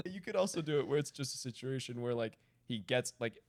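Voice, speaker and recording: A man co-hosting a comedy podcast, pitching sketches in a giggly, loose way and swearing freely. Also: animated, moderate pace, a little hiss or hum. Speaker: podcast co-host.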